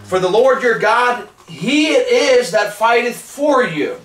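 A man's voice: very high voice, animated, takes it slowly, a bit bright. A man in his forties preaching a fervent sermon in a living room, reading from scripture, filmed by a camera across the room. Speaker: street preacher. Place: living room with wood paneling. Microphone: far camera. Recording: roomy sound from a distant camera.

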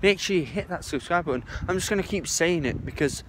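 Breathless man vlogging outdoors in loud wind. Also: sits high, lively intonation. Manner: rambling, halting, restarts often. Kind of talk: casual vlog talk to camera. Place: outdoors in a park. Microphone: phone.

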